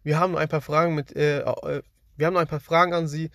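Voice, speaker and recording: A man's voice: fairly high pitch, flat delivery, fast, vocal fry, dry recording. A courteous woman on the phone asking odd survey questions, put on by a man in a plain voice. She speaks formally and stumbles a little. The sound is dry, with no room around it. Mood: polite. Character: polite female phone survey caller.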